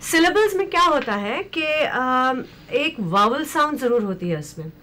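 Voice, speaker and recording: A woman teaching as a special education expert, speaking in a slow, deliberate way and mixing Hindi with English. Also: high-pitched, very animated, sharp tone. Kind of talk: explanatory lecture discussion.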